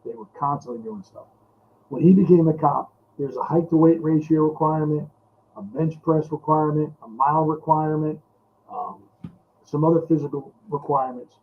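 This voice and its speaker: A fairly high-voiced man talks in a plain, matter-of-fact way on a livestream. His voice comes through a wrongly set-up headset mic, so it sounds muffled and tinny, like a phone line. The tone is husky and a little breathy. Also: normal speed. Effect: muffled, lo-fi sound from a new headset mic that is set up wrong. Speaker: co-host on a political livestream. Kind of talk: casual talk-show chat.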